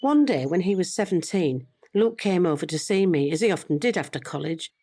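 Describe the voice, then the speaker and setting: Playing a British grandmother in an audio drama, an older woman tells her story in a confiding, reflective and measured way, her character loving yet full of regret. Her fairly low voice is expressive and mellow, and the mood is tense as she remembers.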